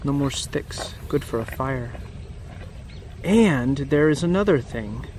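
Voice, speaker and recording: A man in his thirties sits in a grassy, wooded yard reading a picture book to children in a slow, animated, mid-range voice with a darkish tone. He uses simple phrasing and breaks off for chatty asides and questions. Background noise is audible on the outdoor camera recording.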